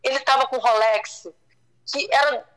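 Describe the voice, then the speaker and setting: A woman's voice: sits high, steady tone, moderate pace, fairly bright tone, rough recording. A middle-aged woman from Brazil telling a distressing personal story, with many restarts and repeated words. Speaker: guest telling her story.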